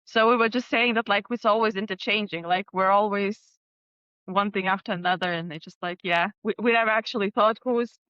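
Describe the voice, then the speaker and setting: A woman's voice: medium pitch, fairly even intonation, a little fast, no room sound, dull audio. A woman from Lithuania, a guest and co-author chatting casually on a podcast, talking with lots of fillers and frequent laughter. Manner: warm, laughs often, flowing with fillers like "like".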